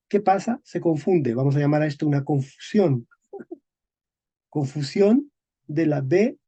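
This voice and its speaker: A man lectures at an unhurried, deliberate pace, repeating key words and pausing to check in with his listeners after nearly every phrase. His voice is dark and slightly husky. The recording is dull and lo-fi. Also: on the high side. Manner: slow and deliberate, checks in constantly with "¿ok?" and "¿eh?". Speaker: teacher of Spanish historical phonology. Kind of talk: classroom lecture.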